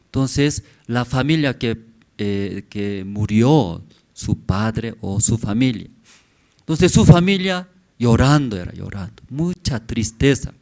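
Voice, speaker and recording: Slow, lively-voiced male pastor preaching. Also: mid-range voice, creaky. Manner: halting simple phrasing with frequent questioning "mm?" tags to the congregation. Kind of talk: sermon. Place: church.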